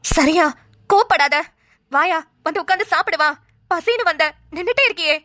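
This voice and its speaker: Gentle, tearful mother in a cartoon; very high, dry and close. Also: expressive, moderate pace, dry recording, exaggerated voice. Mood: soothing. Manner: soft, pleading, tearful. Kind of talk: cartoon voice acting.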